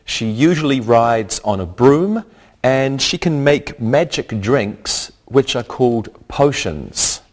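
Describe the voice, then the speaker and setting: A man teaching a scripted English lesson, speaking deliberately and repeating each word for learners. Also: mid-range voice, a little mellow.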